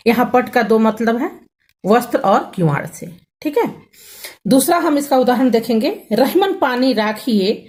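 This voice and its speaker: Slow, lively-voiced woman teacher. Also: on the high side. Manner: slow, patient explaining with many "thik hai" check-ins. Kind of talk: grammar lesson.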